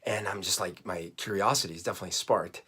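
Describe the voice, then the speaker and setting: A man's voice: sits low, fast, bright, forceful tone, slightly rough. Chatty self-mocking man from Colombia. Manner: chatty, self-mocking, laughs often while talking. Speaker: vlogger. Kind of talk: casual storytelling to camera.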